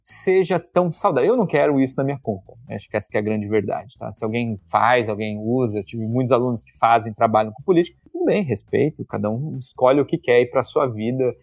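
Husky emphatic man analyzing communication. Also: medium pitch, a little fast, few pauses, no echo. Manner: emphatic, animated, blunt with casual swearing. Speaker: communication and voice teacher, interviewee. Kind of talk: conversational interview, analytical.

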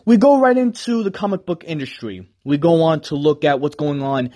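Rambling, excitable young podcast host. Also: male voice, a little high, normal speed. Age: 20s. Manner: enthusiastic, rambling, self-deprecating. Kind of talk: casual solo podcast talk.

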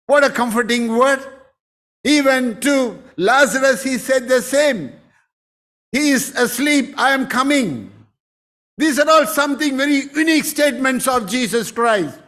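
A man with a very high voice preaches slowly and deliberately, drawing out each phrase. He is the pastor delivering a sermon, and he keeps pressing his points with emphatic exclamations. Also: animated, a bit bright.

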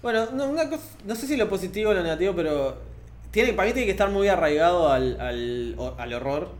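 A young man talks about games in a relaxed, animated way, voice sitting a little high for a man. He laughs easily and restarts his sentences often, like a friend on a podcast. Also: brisk. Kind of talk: casual gaming chat.

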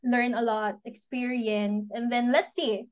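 A woman's voice: a little high, level tone, slow pace, muffled recording. A woman in her twenties from Quezon in the Philippines, a guest in a casual podcast chat, easygoing and mixing in English. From Lucena, Quezon, Philippines. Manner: easygoing, mixes English into Tagalog, laughs lightly.

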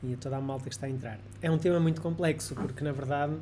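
A man's voice: mid-range voice, fairly even intonation, racing, dark tone, slight background noise. A man with a European Portuguese accent, a guest professor, talks through ideas thoughtfully and hesitantly, often restarting his sentences. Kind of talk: casual discussion.

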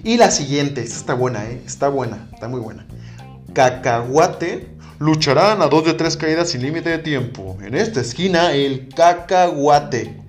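A man's voice: fairly high pitch, animated, normal speed. A man with a Mexican accent hosting a casual chat, joking and slangy, playing up comparisons like a boxing announcer. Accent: Mexican Spanish. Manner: joking, playful, slangy, boxing-match commentary voice. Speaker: podcast host. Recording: roomy room with music behind.

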